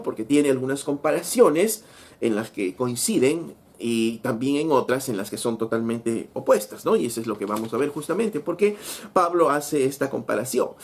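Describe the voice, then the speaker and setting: Guy preaching a sermon, reads bible verses out loud, keeps tossing in rhetorical questions, mid-pitched voice. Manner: measured preaching, reading scripture aloud, frequent rhetorical "¿no?". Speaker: pastor.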